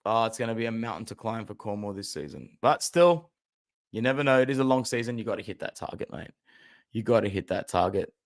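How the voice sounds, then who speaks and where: A young man hosting a casual football fan stream, chatting and reacting aloud to match highlights, with loud outbursts and low muttered asides. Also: animated, fairly quick. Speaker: football fan channel host. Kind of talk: casual live-stream commentary.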